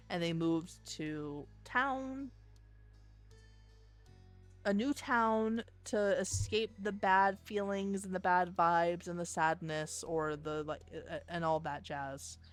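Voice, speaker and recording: Chill woman reading a visual novel on stream, talks slow, thinks out loud, soft game music behind. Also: on the low side. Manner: chatty, thinks aloud with fillers.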